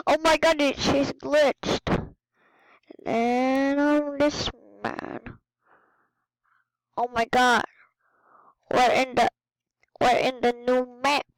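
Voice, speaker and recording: A woman's voice: sits high, drawn-out words, long pauses, no echo, low-quality recording. A woman hosting a casual gaming video, talking to viewers as she plays and exclaiming at what happens on screen. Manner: excitable, exclaiming at the game. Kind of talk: casual game commentary.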